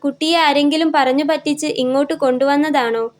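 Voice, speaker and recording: Woman doing a calm kind auto driver guy in a storybook, reassuring, high voice. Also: fairly quick, close to an everyday voice. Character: calm, helpful adult male auto-rickshaw driver.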